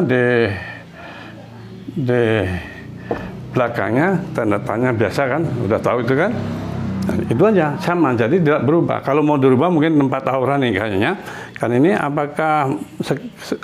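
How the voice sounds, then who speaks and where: A middle-aged man teaching a relaxed lesson, explaining step by step, often restarting and repeating example sentences. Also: mid-range voice. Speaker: Spanish teacher. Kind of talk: casual spoken lesson.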